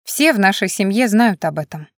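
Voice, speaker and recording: Soft-spoken loving mother, read by the woman narrator, tender half-whisper, dry sound. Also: medium pitch, expressive, moderate pace, no room sound, close to an everyday voice. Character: gentle loving mother comforting her little daughter.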